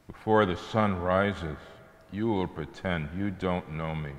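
Jesus, gentle and solemn. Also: male voice, low voice, takes it slowly. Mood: gentle, sorrowful. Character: Jesus, gentle, sorrowful grown man teacher. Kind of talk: dramatic church story reading. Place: church sanctuary. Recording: roomy church with long reverb.

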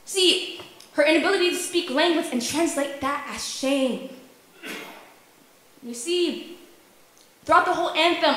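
Standing at a mic in a wood-paneled hall, a young woman delivers a spoken word poem with rhythmic emphasis and intentional stammered repetitions. Her voice sits high and has a slightly bright quality.

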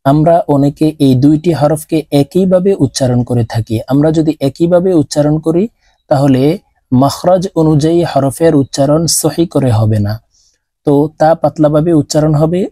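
A man teaching Quran reading step by step, drawing out each letter sound in slow drills. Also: fairly high pitch, dark tone, no room sound. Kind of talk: step-by-step recitation lesson.

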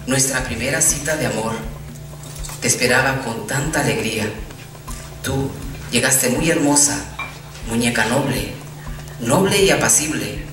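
A man from Guatemala in his thirties, reading his own poem aloud from a lectern in a tender, earnest way with pauses. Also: mid-range voice, distant mic. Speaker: poet. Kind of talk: poetry recital. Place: large hall at a lectern. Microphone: lectern mic, recorded from a distant camera. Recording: echoey hall, voice heard from afar, faint music.

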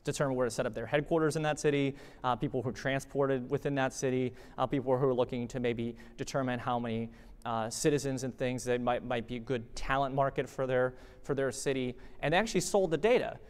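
A man giving a conversational conference talk, animated and full of fillers like "uh" and "you know". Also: medium pitch, quick pace, clean tone, in a large hall. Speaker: conference presenter. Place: conference hall.

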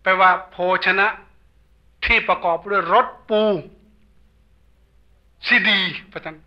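A man with an Isan accent preaches as a monk, telling a story in a folksy way with jokes. His voice sits high and sounds very bright and sharp. The lo-fi recording dulls the sound. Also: slow. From northeastern Thailand. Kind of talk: sermon. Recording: dull lo-fi sermon recording.

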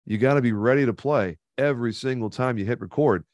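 In a conversational webinar interview, a thirtysomething man speaks as a podcast guest from his home studio, lit by a neon sign. He talks fast, with a slightly mellow voice, coaching the listener emphatically and repeating key points into a studio mic on a boom arm while wearing headphones, with no echo.

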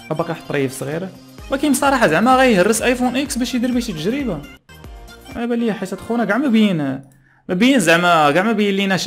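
A young man with a Moroccan accent giving casual, halting reaction commentary in Moroccan Arabic dialect as a channel host, close on a desk microphone. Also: high-pitched. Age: young adult. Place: small plain room indoors.

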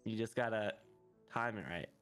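A man's voice: on the low side, normal speed, a bit bright, clean tone, faint music behind. A man playing a co-op game with a friend, teasing and laughing as he plays. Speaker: co-op partner. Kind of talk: casual gaming chat.

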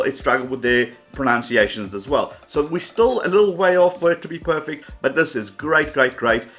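An upbeat, enthusiastic man closes out his tech video in a casual tone. His voice sits at a middle pitch. Faint music runs underneath. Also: a bit bright. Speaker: tech vlogger host.

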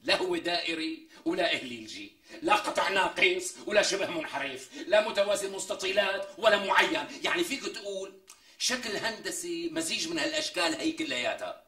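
Brief: fast, lively comic braggart, high bright voice, roomy set sound. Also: male voice, full character voice. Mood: mocking. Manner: theatrical, exaggerated, drawn-out emphasis. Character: boastful man mocking a woman, melodramatic. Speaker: comic sketch character. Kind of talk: TV sketch comedy acting.

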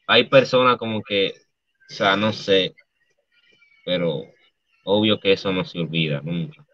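A man with a Dominican accent, a guest artist speaking haltingly and softly, with many restarts, over dull lo-fi video call audio. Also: sits low, no room sound. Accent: Dominican Spanish. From Dominican Republic. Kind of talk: emotional interview.

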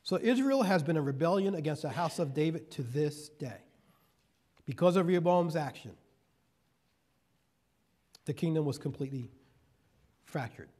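A man's voice: fairly high pitch, animated, moderate pace, long pauses, a little mellow. A male guest preacher giving a sermon, reading scripture verses and then explaining them in folksy asides. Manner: repeats key phrases for emphasis.

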